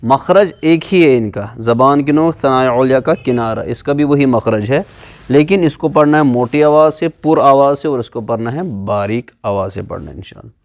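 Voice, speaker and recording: Patient male teacher. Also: mid-range voice. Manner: explains patiently, repeating syllables slowly, mixes English terms. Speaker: Quran recitation teacher. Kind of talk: classroom lecture on letter pronunciation.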